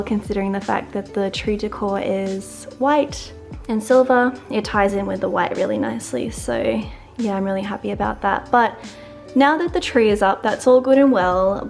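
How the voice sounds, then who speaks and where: A woman chatting casually to camera while she decorates her living room, upbeat and full of "like". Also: medium pitch. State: briefly out of breath. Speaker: lifestyle vlogger.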